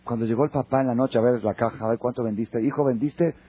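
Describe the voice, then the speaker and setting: A man with a Mexican accent, a rabbi teaching a Torah class in a lively storytelling way. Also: mid-range voice, quick pace, slightly rough. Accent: Mexican Spanish. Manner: lively, acts out dialogue. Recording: dull lo-fi recording.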